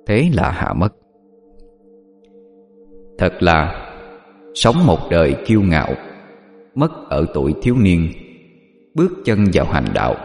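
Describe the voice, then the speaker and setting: A man narrating a ghost story in a calm, measured storytelling manner. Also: deep voice. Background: faint music.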